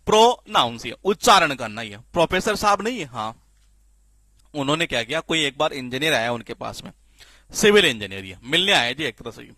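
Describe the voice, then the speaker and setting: Male teacher, bright voice, dry close sound, lively questioning lecture manner. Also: mid-range voice, a little fast, no room sound. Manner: lively, repeats questions to the class, frequent filler "ye". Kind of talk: classroom lecture.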